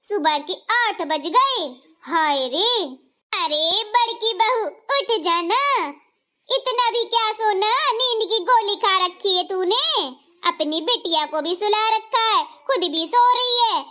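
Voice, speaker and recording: A woman's voice: very high-pitched, expressive, takes it slowly, sharp tone, full character voice. A woman playing a fussy, scolding mother-in-law who sighs in exasperation in a comic skit.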